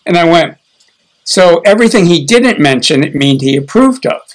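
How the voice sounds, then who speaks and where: A man's voice: fairly high pitch, expressive, normal speed, rough recording. Chatty older man guiding a healing session. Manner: conversational, chuckles often, many fillers and restarts. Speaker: energy healing teacher. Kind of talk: guided healing session talk.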